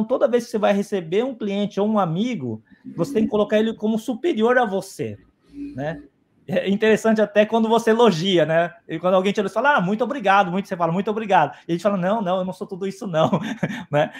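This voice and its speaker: Man, high voice, guest speaker, explanatory, frequent tag questions, video call audio. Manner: peppers sentences with "né?" and restarts. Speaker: guest speaker on a live stream. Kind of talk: explanatory talk.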